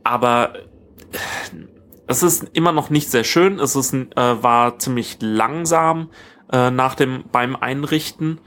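A man's voice: medium pitch, fairly bright tone. A man co-hosting a casual tech podcast in a living room, rambling and often correcting himself mid-sentence. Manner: rambling, halting, self-correcting. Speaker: podcast co-host.

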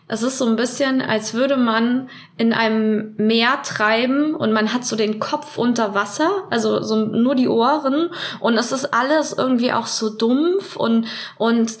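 A woman of twenty-seven from near Trier, a self-help group leader, answering reflectively and searching for images to explain her feelings. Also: on the high side. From near Trier, Germany. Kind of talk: interview answers.

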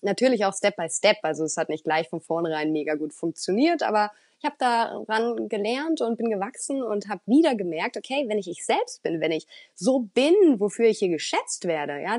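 Woman voice coach chatting in an interview, earnest and expressive, dry close sound. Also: mid-range voice, dry recording. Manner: expressive, earnest, with filler pauses. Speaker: voice coach and speaker. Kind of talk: interview guest, conversational.

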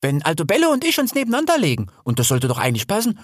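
A bright, high-voiced young wild sow bubbles along, teasing and chatty, as a man puts her on. Her voice leaps all over the place. The reading is dry and close, with no room around it. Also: wildly swooping pitch, very fast, breathy edge, dry recording, exaggerated voice.

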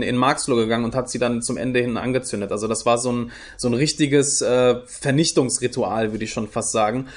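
A young man from Germany talks his way through interview answers, thinking as he goes. He stops often, restarts and fills pauses. His voice sits at a middle pitch. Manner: thoughtful, many fillers and restarts. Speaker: guest, youth project leader.

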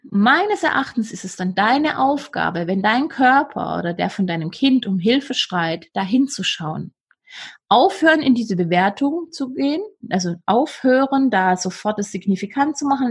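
A woman's voice: mid-range voice, breathy edge. A woman hosting a podcast, giving an earnest self-help monologue and speaking straight to the listener. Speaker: podcast host.

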